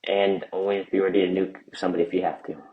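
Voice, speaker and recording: A man co-hosting a comedy sketch, giving absurd answers in a flat, deadpan way. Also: low-pitched, fast, muffled recording, background noise. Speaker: comedy show co-host.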